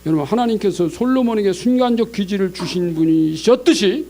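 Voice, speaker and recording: A male pastor preaching a Sunday sermon in a lively way, breaking into God's scolding voice and chuckling between points. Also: high voice, a little fast. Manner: animated, acts out God's scolding voice. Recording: mains hum in the background.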